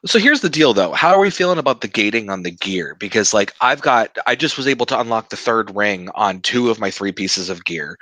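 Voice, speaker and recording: Guy hosting a gaming podcast, teasing and upbeat, kinda low bright voice, dry mic. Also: expressive, dry recording. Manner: upbeat, teasing, quick asides. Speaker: podcast host. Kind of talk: casual gaming podcast chat.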